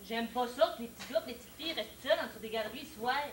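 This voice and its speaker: A woman's voice: fairly high pitch, rapid-fire, a little hiss or hum, close to an everyday voice. A woman with a Québécois accent acting on stage as a fussy, preachy neighbour full of advice. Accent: Québécois French. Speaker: stage actor. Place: theatre stage. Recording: echoey stage audio from far off.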